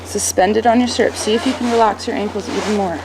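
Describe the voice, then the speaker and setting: A woman coaching a horse riding lesson, projecting brisk commands and corrections with short explanations. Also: mid-range voice, steady tone. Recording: clearly noisy riding-lesson ambience.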